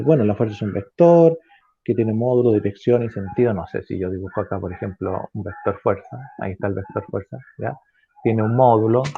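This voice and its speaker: In a narrow, tinny recording, a man whose voice sits on the low side leads an online physics lesson. He breaks things down step by step, speaking haltingly with frequent fillers, self-corrections, and tag questions aimed at checking comprehension.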